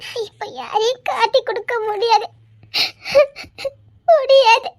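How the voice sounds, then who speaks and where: Woman acting a weeping, pleading young woman, very high pitched, audio drama heroine. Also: steady tone, unhurried. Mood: desperate confession. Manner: weeping, pleading, laughing through tears. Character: tearful young woman torn between love and a forced mission.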